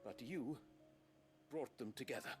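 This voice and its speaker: A man's voice: medium pitch, measured pace, soft background music, lightly acted. An actor playing a humbled, stately nobleman in a video game, speaking formally and solemnly. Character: humbled stately imperial nobleman, contrite father.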